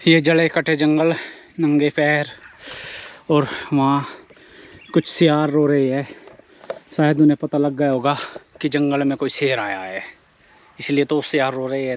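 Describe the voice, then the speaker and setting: A man's voice: on the high side, dull audio, slight background noise. A man narrating a casual travel vlog outdoors on a forested hillside, talking while he hikes barefoot uphill and musing reflectively as he goes. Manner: reflective, musing, philosophical asides. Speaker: travel vlogger.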